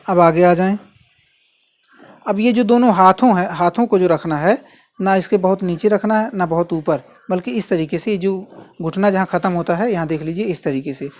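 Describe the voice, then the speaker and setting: A man giving a patient, step-by-step spoken lesson, repeating key phrases slowly and carefully. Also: high-pitched. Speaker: religious instructor. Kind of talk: instructional demonstration.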